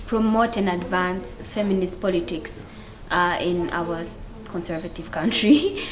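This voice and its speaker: A woman from Rwanda, an economist and analyst, speaking briskly in a group interview. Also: medium pitch.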